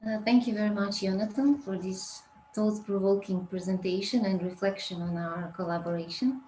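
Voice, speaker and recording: A woman's voice: mid-range voice, fairly even intonation, moderate pace, dark tone, roomy sound, slight background noise, low-quality recording. A woman moderating an event, formally introducing the next speaker as if reading from notes.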